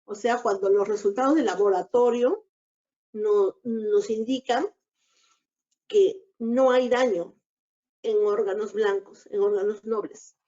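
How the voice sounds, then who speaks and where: A woman giving a recorded obstetrics lecture, explaining each slide in a measured way. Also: mid-range voice, steady tone, mellow. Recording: dull lo-fi lecture audio.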